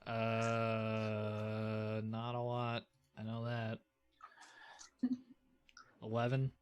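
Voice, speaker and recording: A man's voice: lowish voice, monotone, very slow, clean tone. A man playing a tabletop game, talking in a hesitant, laid-back way full of "like". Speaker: player. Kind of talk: casual tabletop play.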